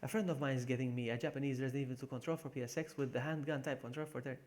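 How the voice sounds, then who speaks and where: Racing through his words in a slightly mellow mid-range voice with fairly even intonation, a young man provides casual commentary on his game stream. He's chatty, laughs often, answers chat, and talks to himself as he plays, with game music in the background.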